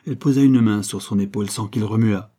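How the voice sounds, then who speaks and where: A man narrating a classic novel as an audiobook in a measured, even reading. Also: fairly low pitch.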